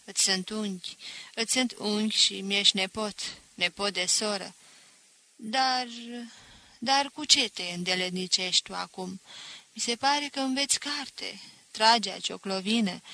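A woman reading an audiobook voices a dying old uncle, tired, wry and bitter, speaking slowly. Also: mid-range voice, sharp tone. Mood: weary.

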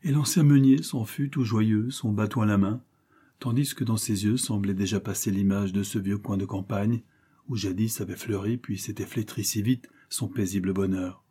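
A man reading a classic novel aloud with measured expression. His voice is husky, low and mellow. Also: fairly even intonation. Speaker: audiobook narrator. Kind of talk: scripted narration of a classic novel.

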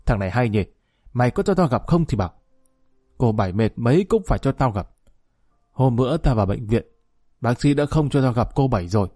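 A man's voice: mid-range voice, lively intonation, a little fast, pauses often, mellow, no room sound, clean studio sound, soft background music, close to an everyday voice. A man voicing a stern old male war veteran in an audio story, blunt and scolding, his voice raised above his narration.

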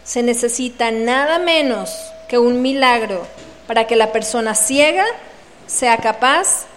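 A woman with a high voice gives a slow devotional talk, lingering over each phrase. She reads the scripture dramatically and acts out the voices in the story. Her voice rings through a large hall with a long echo. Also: slight background noise. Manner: dramatic read-aloud, acting out the voices in the story. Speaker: speaker at a women's retreat. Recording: reverberant hall.

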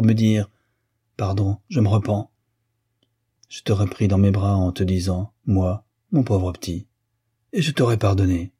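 A man's voice: fairly low pitch, mellow, slightly rough, no room sound, studio quality. A man voicing a stern, wrathful older male lawyer who hammers out his indignant words. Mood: furious.

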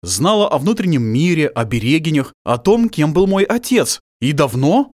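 A man's voice: fairly high pitch, big pitch swings, moderate pace, darkish tone, dry recording, studio quality, voice pushed up. A male audiobook reader voicing a stunned, earnest young man pressing urgent questions. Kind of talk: audiobook character voice.

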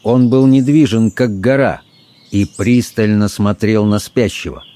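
A man narrating an audiobook in a measured, unhurried reading. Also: on the low side, mellow. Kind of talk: scripted narration.

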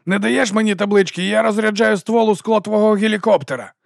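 A man voicing a battered young male hero who shouts defiantly. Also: sits high, fast, gravelly, dry recording, clean studio sound, voice pushed up.

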